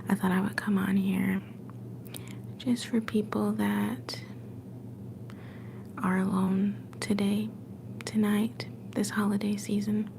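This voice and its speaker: A woman hosting a whispered ASMR livestream from home. She drifts between a soft whisper and a soft-spoken voice, gently greeting chat viewers into a phone set a little way off. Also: medium pitch, flat delivery, takes it slowly, creaky, long pauses, background noise. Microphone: phone set some distance away.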